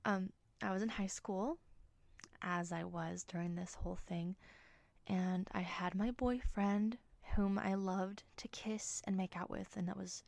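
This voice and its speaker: A young adult woman hosting a podcast, telling a personal story in a soft, reflective way that often drops to a whisper. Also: medium pitch, steady tone, measured pace, vocal fry, no echo. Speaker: podcast host.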